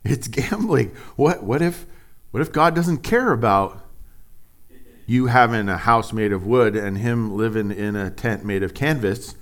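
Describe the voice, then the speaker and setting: A man's voice: lowish voice, expressive, a little slow. A man preaching a conversational sermon as pastor, joking and asking lots of rhetorical questions.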